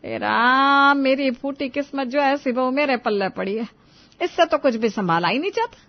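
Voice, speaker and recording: A woman voicing a bossy, taunting older mother-in-law in an animated story, scolding and complaining. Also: on the high side, moderate pace, dull audio. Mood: angry.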